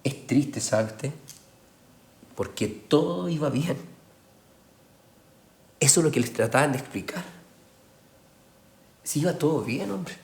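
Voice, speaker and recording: A man preaching a sermon as pastor, emphatic, moving between hushed passages and loud raised ones. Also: on the high side, animated, takes it slowly, gravelly, long pauses. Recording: roomy echoey church sound.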